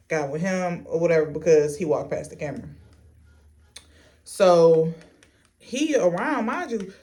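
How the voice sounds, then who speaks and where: A woman vlogger with a low, slightly mellow voice tells a storytime while doing a get-ready-with-me. She's blunt and sassy, swearing freely, with an unhurried stop-and-start delivery.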